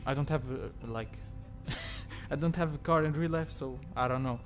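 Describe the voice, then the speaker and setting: A young man from Tunisia hosts a racing game livestream, his voice sitting a bit high for a man. He answers chat casually in English that is not his first language, full of "like" and "you know". Loud music plays under him. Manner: halting, filler-heavy, reads chat aloud and thanks subscribers. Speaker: livestream host.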